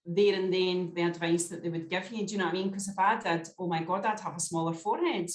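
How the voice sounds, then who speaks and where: A woman's voice: on the low side, steady tone, fast talker. A woman in her forties, a skincare expert guest on a podcast, telling stories in a chatty way and often checking that she is understood. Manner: chatty storyteller, often asks "do you know what I mean". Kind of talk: casual podcast chat. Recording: roomy echo.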